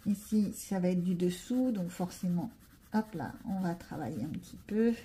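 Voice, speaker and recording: A woman with a French accent and a lowish, dark voice narrates a casual coloring tutorial with lively intonation at a moderate pace, thinking aloud, joking at her own expense and explaining each step. There's a little hiss or hum in the audio.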